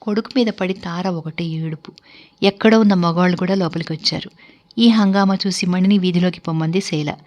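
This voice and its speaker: Low-voiced woman reading a novel aloud. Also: brisk. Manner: expressive, voices the characters. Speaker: narrator. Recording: dull lo-fi recording.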